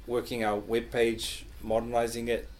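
Kiwi guy, mid-pitched, easygoing interview chat, feels his way through explanations. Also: completely flat delivery, normal speed, slight background noise. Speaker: guest, public health worker. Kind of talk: casual interview conversation.

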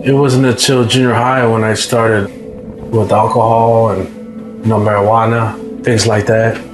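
A man's voice: lowish voice, flat delivery, a little slow. Man, Samoan, raised in California, candid testimony, conversational, roomy sound, guitar music behind. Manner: candid, conversational, with frequent "you know". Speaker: guest giving a personal testimony. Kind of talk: recorded personal testimony.

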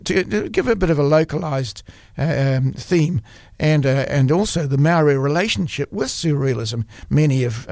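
A man hosting a community radio arts show, talking casually in a halting way that often stops to search for words. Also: a little high, darkish tone, no room sound, studio quality. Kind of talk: casual radio talk about art exhibitions. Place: radio studio.

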